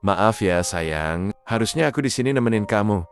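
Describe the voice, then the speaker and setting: A man voicing a sweet, affectionate young husband and new father in an animated drama. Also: fairly low pitch, moderate pace, soft background music.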